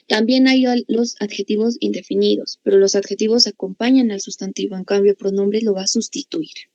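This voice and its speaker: A language teacher with a Bolivian Spanish accent leads a grammar class, explaining patiently and often checking in with her students. Her mid-range voice is warm, with no room sound, but the recording is muffled.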